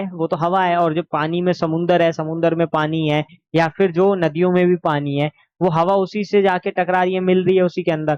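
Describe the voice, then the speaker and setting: A man's voice: sits high, no room sound, highs cut off. A man with a sore throat teaching an exam revision lesson, explaining patiently and asking and answering his own questions.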